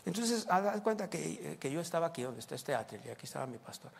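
A man's voice: on the high side, expressive, fast, creaky, slightly rough. A man preaching a sermon from the pulpit in a church, teaching from scripture and repeatedly pointing his listeners back to the text. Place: church sanctuary. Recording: long reverb of a church hall.

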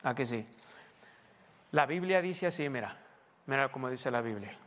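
A man's voice: mid-range voice, expressive, moderate pace, fairly bright tone, big-room sound. A male pastor preaches a sermon in a church. He talks to the congregation conversationally and often asks them questions.

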